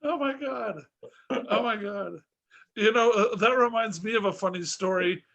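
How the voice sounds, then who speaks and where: A man's voice: high voice, a little slow, creaky, a bit bright, dry recording, dull audio. A man hosting a comedy podcast, telling a rambling story and asking questions, full of fillers and laughs. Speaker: podcast host and comic. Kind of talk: casual interview chat.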